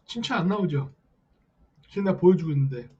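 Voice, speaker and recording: A man's voice: a little high, animated, fast talker, mellow, husky, highs cut off. A man hosting a late-night political stream, reading viewer comments and firing off rhetorical questions with a repeated "eh?" tag. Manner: reads viewer comments aloud. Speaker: live-stream host.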